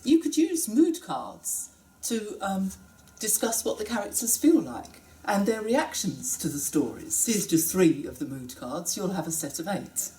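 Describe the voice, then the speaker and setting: A woman researcher explaining step by step how to run a classroom project, in a lively, guiding manner. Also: medium pitch, a little slow, rough recording. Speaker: university researcher. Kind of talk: instructional explanation.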